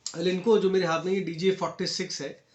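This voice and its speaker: An Indian man with a high-pitched, fairly quick voice presents a casual unboxing review, explaining product features in a friendly, viewer-addressing style that mixes in English terms. The echoey room carries steady noise and clicks.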